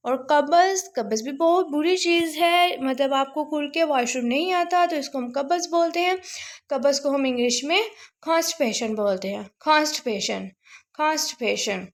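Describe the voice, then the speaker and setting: A woman teaching English vocabulary, repeating each word slowly and drawing out its pronunciation. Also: high voice. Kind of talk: casual spoken vocabulary lesson.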